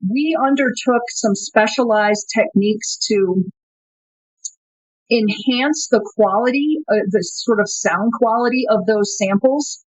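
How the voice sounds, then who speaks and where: A company co-founder appears as a guest on an interview show, answering thoughtfully but with frequent fillers and restarts. Her voice sits on the high side and unhurried, and the audio is dry with no room sound, a little dull like a remote connection.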